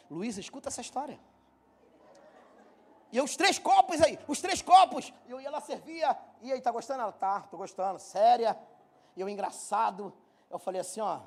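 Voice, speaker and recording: A middle-aged man from Brazil preaching to his congregation, telling a funny personal story in a joking, animated way and speaking straight to the people. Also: high voice, slightly rough. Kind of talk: humorous sermon storytelling. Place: church hall.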